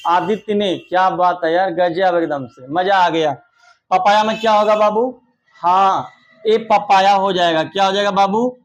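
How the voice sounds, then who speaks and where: Young male tutor, high voice, warm coaxing classroom manner with loud praise. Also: measured pace, lo-fi sound. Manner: affectionate, coaxing, calls pupils "babu", praises loudly. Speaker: English teacher. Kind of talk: online classroom lesson for children.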